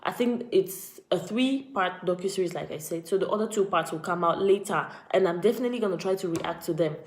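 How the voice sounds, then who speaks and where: A lowish-voiced woman from Cameroon keeps a brisk pace as she chats on a live vlog stream, greeting viewers by name. The room is echoey.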